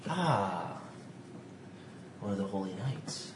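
A man's voice: fairly low pitch, lively intonation, takes it slowly, distant mic. A man voicing an earnest, grave temple priestess who offers a holy quest in formal words at a tabletop game. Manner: solemn, formal quest-giving. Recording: noisy echoey room recording.

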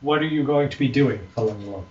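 A man's voice: mid-range voice, fast, a little mellow, distant mic. A man narrating a tabletop roleplaying game as game master. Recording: roomy, noisy, muffled room recording.

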